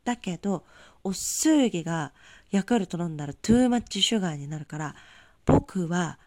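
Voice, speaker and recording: A woman's voice: fairly low pitch, animated, moderate pace, dark tone, no echo, close to an everyday voice. A woman quoting a self-justifying young male friend in an earnest, lecturing tone.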